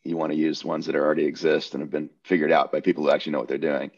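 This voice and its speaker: A man's voice: very deep voice, level tone, rapid-fire, gravelly. An older man on a headset during a video call, giving dry, wry technical advice. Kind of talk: casual technical discussion. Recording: dull lo-fi call audio.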